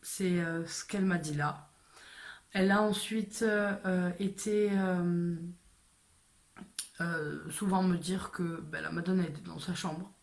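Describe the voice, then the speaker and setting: A woman's voice: fairly low pitch, steady tone, takes it slowly, gravelly. A woman telling a personal story to camera in a casual way, hesitant with many fillers and restarts.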